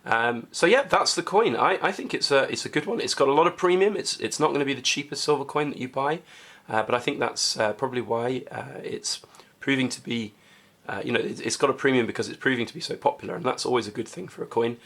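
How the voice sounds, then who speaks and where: Male vlog host, hoarse and husky from a cold, mid-pitched, chatty and halting. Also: a bit bright. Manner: chatty, hesitant, many ums and restarts. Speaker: coin collecting channel host. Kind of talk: casual coin review vlog.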